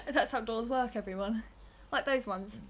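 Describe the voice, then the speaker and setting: A woman's voice: on the high side, expressive, slow, fairly bright tone, slightly rough. A young woman co-commentating a let's play, chatty and teasing, often laughing. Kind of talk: casual gaming commentary.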